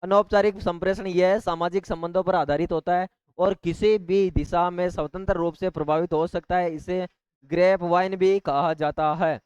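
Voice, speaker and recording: A man's voice: sits high, fairly even intonation, moderate pace, a little mellow, clear, resonant tone, no room sound, highs cut off. A male teacher, giving an exam-prep lecture and explaining each point with repeated rhetorical questions and asides.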